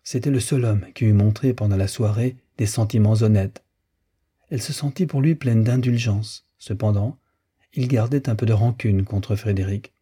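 A man reading a classic novel aloud as an audiobook narrator, in a measured, even manner. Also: on the low side, husky. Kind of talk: scripted literary narration.

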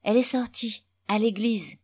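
A woman voicing a frightened small boy who answers timidly and pleads in a high, trembling voice, read as a story. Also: normal speed, darkish tone, husky. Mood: timid answering. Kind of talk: storybook reading.

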